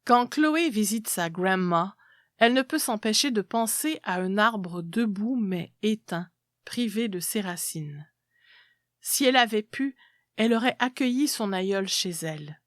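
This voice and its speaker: A woman's voice: medium pitch, expressive, unhurried, no echo, studio quality. A woman reading a literary story aloud as a scripted narration.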